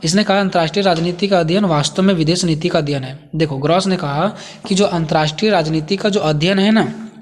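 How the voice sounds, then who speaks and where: रुक-रुक कर समझाता शिक्षक, गूंजता कमरा. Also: male voice, a little high, quick pace, in a large hall. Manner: repetitive, asks and answers own questions. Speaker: teacher. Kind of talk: explaining lecture.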